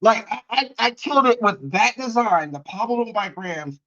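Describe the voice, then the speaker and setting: Animated man telling a story. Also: sits high, moderate pace, dull audio. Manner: animated, swearing, many restarts. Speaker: guest. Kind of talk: casual storytelling on a livestream.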